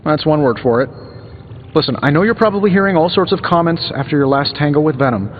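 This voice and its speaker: A man's voice: on the high side, quick pace, slight background noise, natural voice. A man voicing a wisecracking genius inventor superhero in a video game, with an American accent and a glib, sardonic, conversational manner. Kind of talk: video game dialogue acting. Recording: muffled game audio, long reverb, music behind.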